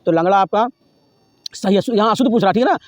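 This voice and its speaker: A male Hindi grammar teacher giving an exam-prep lesson, who drills spellings over and over, keeps checking in with his students, and often clears his throat. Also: sits high, fast, no room sound. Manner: repetitive, drills spellings and says "ठीक है" often.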